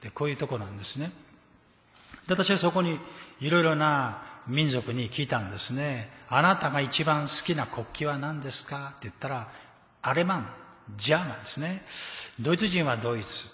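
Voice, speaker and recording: A man's voice: mid-range voice, expressive, a little fast, pushed and bright. A man preaching a sermon, telling a story and stressing scripture quotes. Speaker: pastor. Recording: echoey hall with long reverb.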